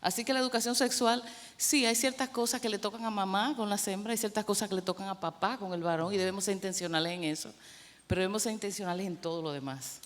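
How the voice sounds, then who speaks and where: Woman panelist talking really fast, echoey hall. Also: mid-range voice. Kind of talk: conference panel discussion. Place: large conference hall. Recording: reverberant hall.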